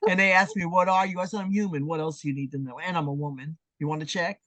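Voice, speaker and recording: A woman in her sixties from New York City, telling her story as an interview guest in an animated, emphatic way. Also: on the low side, fast talker, no echo. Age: 60s. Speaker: guest artist. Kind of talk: casual interview chat.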